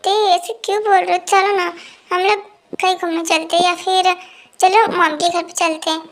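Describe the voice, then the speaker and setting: A weepy, apologetic young husband, as an amateur dubber puts him on in a homemade fan-fiction dub. The voice sits extremely high with a gravelly, creaky edge, and the lines come in stammering, tearful apologies. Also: level tone, normal speed, fairly bright tone. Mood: pleading.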